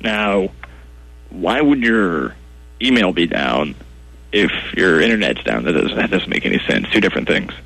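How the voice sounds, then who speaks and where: A man's voice: deep voice, lively intonation, vocal fry, fairly bright tone, no echo, exaggerated voice, poor audio. A man playing a clueless, defensive tech support guy who sighs and gets baffled by simple questions. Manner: slow, baffled, defensive, sighing. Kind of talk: comedy sketch acting.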